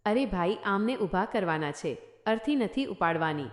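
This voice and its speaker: A woman's voice: medium pitch, animated, moderate pace, close to an everyday voice. A woman voicing a joking young husband who has just moved in, speaking in a teasing, wisecracking way. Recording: echoey room.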